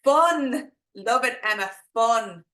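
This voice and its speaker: A woman's voice: fairly high pitch, animated, slow, pushed and bright, roomy sound. A woman with a thick Dublin accent presenting an informal live online workshop as a coach, chatting directly and encouragingly to her viewers.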